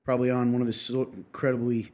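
A man's voice: medium pitch, level tone, fast talker, a little mellow. A young man co-hosting a podcast in casual chat, teasing and often laughing. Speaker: podcast co-host.

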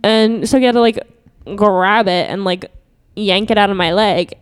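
A teenage girl telling a story in casual chat as a podcast co-host, fast and giggly, full of "like". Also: mid-range voice, fairly even intonation, smooth.

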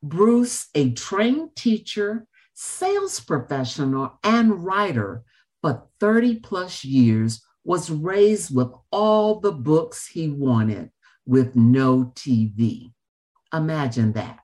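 A woman hosting an interview in a formal, measured and emphatic manner, with deliberate phrasing. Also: low-pitched, very animated, darkish tone. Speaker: show host and interviewer. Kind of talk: formal scripted introduction and interview.

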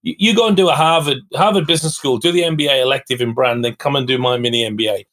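A man's voice: mid-range voice, fast talker, a bit bright. A middle-aged man talking as a podcast guest, blunt and fired-up, swearing freely as he makes his points. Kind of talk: candid interview talk.

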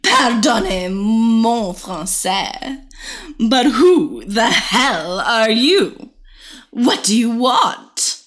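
A woman voicing a proud, refined aristocratic gentleman, speaking slowly and with dignity. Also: fairly high pitch, big pitch swings, exaggerated voice. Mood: indignant. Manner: slow, deliberate, dignified.

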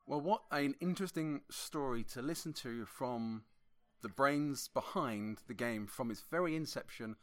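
A man's voice: medium pitch, measured pace, fairly bright tone. Reflective man co-hosting a podcast. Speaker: podcast co-host. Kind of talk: casual podcast chat.

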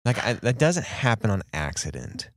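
An interview host asking curious, quick follow-up questions in a casual chat. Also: mid-range voice, big pitch swings, dry recording, clean studio sound.

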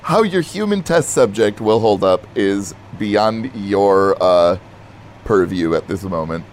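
Low-voiced man running a tabletop game. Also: slight background noise. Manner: calm, descriptive scene-setting with soft pauses. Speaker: game master. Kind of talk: narrating a tabletop game over music. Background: loud background music.

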